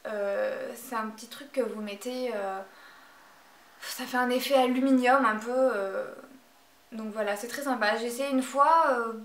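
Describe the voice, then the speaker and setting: A woman's voice: fairly high pitch, a little slow. A woman reviewing beauty products in a casual vlog, talking hesitantly with many filler sounds. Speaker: beauty vlogger. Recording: echoey room, voice from a distance.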